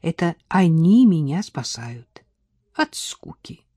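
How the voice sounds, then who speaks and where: Audiobook: woman doing a soft-spoken frail old man, mild and dry-miked. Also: fairly low pitch, very animated, takes it slowly, slightly rough, no echo, full character voice. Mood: gentle. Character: frail kindly old man, gentle and unhurried.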